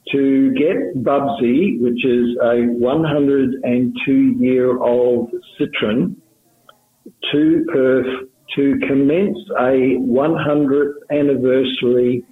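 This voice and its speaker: A man calls in to a radio show and speaks slowly and deliberately. The line sounds thin and phone-like, with a roomy echo and a faint hiss behind him. He tells a long story at a measured, unhurried pace. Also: medium pitch. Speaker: phone-in guest. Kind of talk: radio interview.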